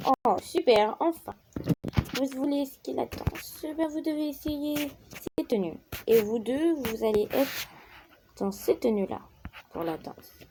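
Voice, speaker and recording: A woman's voice: sits high, animated, measured pace, noisy background. A woman doing a chirpy dance instructor. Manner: bossy and chirpy, addresses girls as mesdemoiselles. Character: cheerful adult female dance instructor.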